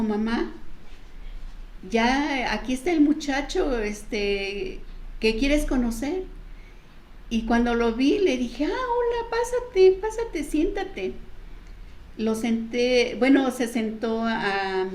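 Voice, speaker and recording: A woman's voice: a little mellow, roomy sound. A middle-aged Mexican woman with a Mexican Spanish accent tells her personal testimony, acting out the voices in her story. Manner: storytelling, acting out quoted dialogue with pitch jumps. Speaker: church member giving testimony.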